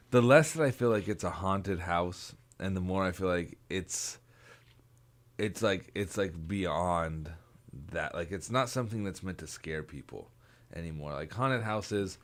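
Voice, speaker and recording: A man co-hosting a podcast in casual, joking chat, talking haltingly and repeating himself with lots of filler words. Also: sits low, lively intonation. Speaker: podcast co-host.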